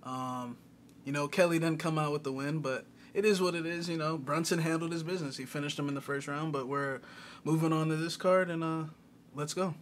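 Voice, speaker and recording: Male co-host, slightly high voice, relaxed chatty delivery, faint rumble in the background. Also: brisk. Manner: laid-back, lots of fillers like man and um. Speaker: podcast co-host. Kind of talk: casual sports betting talk.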